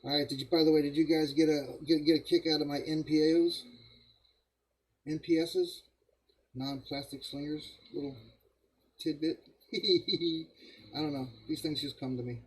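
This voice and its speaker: A man's voice: a little high, steady tone, normal speed, long pauses, slightly rough, rough recording. An older man hosting a live model-building stream, rambling casually to viewers and chuckling at himself. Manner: rambling, self-deprecating, chuckles often, talks to viewers as guys.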